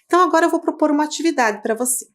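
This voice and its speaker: A woman teacher giving a video lesson to children, speaking slowly and clearly and asking the pupils questions. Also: high voice, fairly bright tone. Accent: Brazilian Portuguese.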